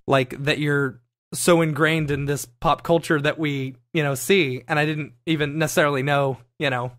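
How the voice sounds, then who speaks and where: A man's voice: on the high side, fairly even intonation, normal speed, a bit bright. A man hosting a podcast, chatting casually with a guest, enthusiastic and full of fillers and restarts. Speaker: podcast host. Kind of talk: casual interview chat.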